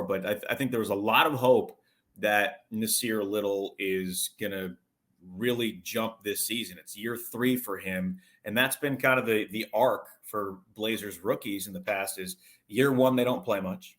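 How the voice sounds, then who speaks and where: A sports radio broadcaster with a fairly low but fairly bright voice speaks in an interview. He explains things in detail, conversationally, often building his point through short, broken phrases.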